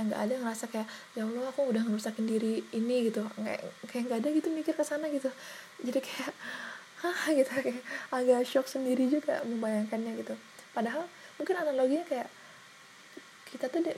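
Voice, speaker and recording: A woman's voice: a little high, slight background noise. A young woman talking to herself in a casual, reflective way, often sliding into a whisper and repeating her questions. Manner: soft-spoken, drifting into whispers, filler-heavy and self-questioning.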